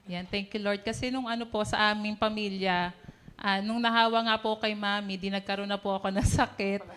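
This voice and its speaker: A woman's voice: mid-range voice, steady tone, brisk, a bit bright, clear, resonant tone. A woman giving a cheerful testimony at a prayer meeting. She laughs often and acts out what she said to others. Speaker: church member giving testimony.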